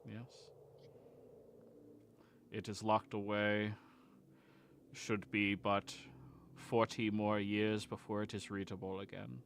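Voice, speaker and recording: A man voicing a creepy, lanky, quietly friendly last survivor of a dead race in a tabletop game, soft-spoken and deliberate, with phlegm in his throat. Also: on the low side, little pitch movement, vocal fry, a little hiss or hum. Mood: eerily friendly.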